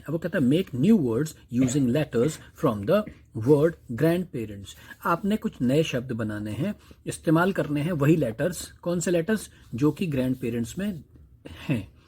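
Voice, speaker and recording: A man teaching a primary-school English lesson. He reads each question slowly, translates it, then asks the listener questions and answers them himself. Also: medium pitch, a little mellow, husky.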